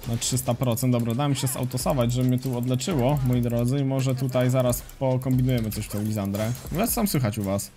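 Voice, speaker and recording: A man streaming a game, commentating casually and chatting with viewers in a relaxed, slangy way. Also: mid-range voice, fast talker, few pauses. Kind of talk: casual live commentary while playing and reading chat. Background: faint music and keyboard typing.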